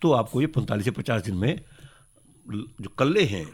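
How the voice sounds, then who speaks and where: A man's voice: fairly low pitch, expressive, moderate pace, slightly rough. A North Indian man giving courteous, instructive advice as an expert on a phone-in, repeating key points. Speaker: agriculture expert.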